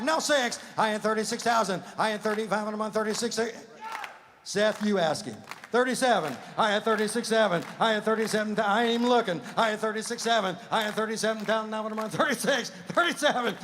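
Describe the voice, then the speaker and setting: A man working as a livestock auctioneer, rattling off bids in a rhythmic chant and breaking into loud calls. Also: sits high, a little hiss or hum. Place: fairground show ring with a crowd.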